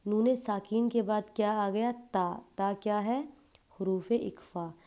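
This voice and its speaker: A woman teaching Quran recitation, explaining patiently and drawing out example words slowly. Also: mid-range voice, fairly even intonation, dark tone.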